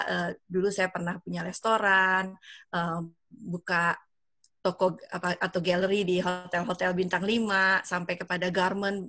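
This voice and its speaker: A woman's voice: fairly low pitch, pushed and bright, dry recording. A woman in her fifties from Indonesia, hosting an online business presentation over a video call and speaking with frequent fillers. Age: 50s. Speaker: event host and emcee.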